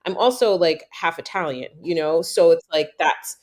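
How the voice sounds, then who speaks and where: A woman's voice: low-pitched, moderate pace, darkish tone. A woman from New York hosting a casual interview, talking in a thoughtful, conversational way. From New York, USA. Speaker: podcast host.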